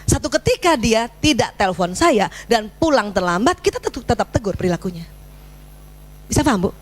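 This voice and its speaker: A middle-aged woman giving a religious parenting lecture, telling stories and acting out dialogue with her child. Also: fairly high pitch. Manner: animated storytelling with acted-out dialogue.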